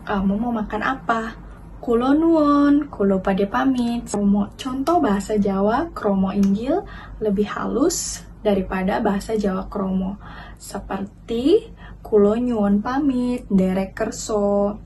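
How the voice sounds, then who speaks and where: A young woman explains her part of a class presentation in a careful, measured way at a middle pitch. She sounds somewhat far from the mic, with faint noise behind. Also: mellow. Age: young adult. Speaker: university student presenter.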